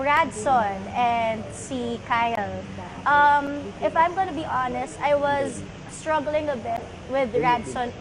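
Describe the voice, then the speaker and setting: A woman's voice: high voice, poor audio. A woman actress with a Filipino accent, reflecting hesitantly on working with a co-star. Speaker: actress interviewee.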